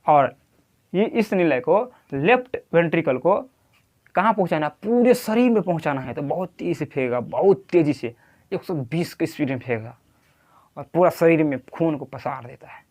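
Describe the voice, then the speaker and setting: A man's voice: fairly high pitch, expressive, normal speed, darkish tone. Man quizzing a class in Hindi, Bihari accent. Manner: quizzing, repeats key terms, drawing at a board. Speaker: teacher. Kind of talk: classroom lecture.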